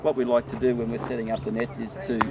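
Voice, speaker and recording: A mid-range voice with little pitch movement, talking fast: the speaker is a rabbit control trapper and trainer giving a plain-spoken, informal field explanation as if showing people the job. He's outdoors on rural land, recorded clearly with rural background noise.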